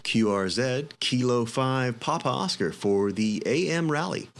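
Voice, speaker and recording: A man's voice: medium pitch, expressive, a little slow, heavy background noise. A man speaking as an amateur radio operator, casually making and calling for contacts. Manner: spells call signs in phonetic alphabet.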